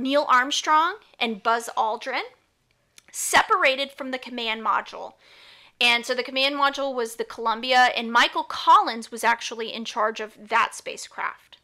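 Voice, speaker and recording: A woman's voice: on the high side, sharp tone. A woman hosting an educational podcast for children, telling history informally and prompting with questions. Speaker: podcast host teaching children.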